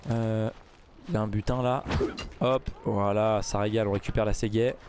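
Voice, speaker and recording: A man giving casual let's play commentary, mumbling then bursting into loud outbursts. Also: on the low side, normal speed, background noise. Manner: excitable, swings from mumbling to outbursts. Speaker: gaming YouTuber.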